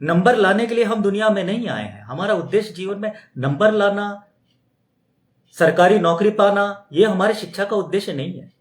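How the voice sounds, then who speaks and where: A man's voice: high voice, lively intonation, normal speed. A man giving an unscripted spiritual talk, speaking conversationally, throwing out rhetorical questions and mimicking other people's objections. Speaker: spiritual teacher. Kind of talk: extempore spoken talk. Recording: roomy echo.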